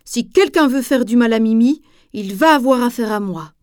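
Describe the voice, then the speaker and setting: A woman's voice: fairly high pitch, animated, normal speed, a little mellow, dry recording, studio quality, lightly acted. A woman voicing a timid young male lion who is fearful but turns brave, speaking in a pleading, worried way. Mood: determined. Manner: pleading, trembling worry.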